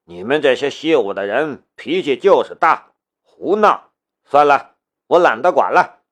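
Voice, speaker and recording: A man's voice: medium pitch, animated, measured pace. A man voicing an impatient middle-aged official who scolds and waves people off. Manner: brusque, scolding.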